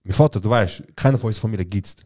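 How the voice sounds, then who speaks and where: Young man, fast slangy storytelling, low dark voice. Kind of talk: casual storytelling chat.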